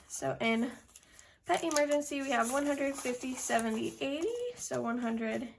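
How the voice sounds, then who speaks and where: Slightly breathless young woman, creaky voice. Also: sits high, steady tone, moderate pace, a little hiss or hum. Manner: counts amounts aloud step by step. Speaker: budgeting video host. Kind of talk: casual narration of a hands-on task.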